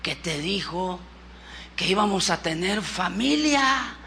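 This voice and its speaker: A man voicing an old man who speaks softly and lovingly to his wife, in a lower voice. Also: animated, takes it slowly, creaky, a little hiss or hum, exaggerated voice. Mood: tender. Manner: low, soft, affectionate.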